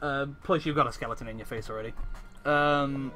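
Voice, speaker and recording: Male game master, mid-pitched and bright, stop-start narration with constant fillers. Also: fairly even intonation, brisk, faint music behind. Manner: hesitant and apologetic, many fillers and restarts.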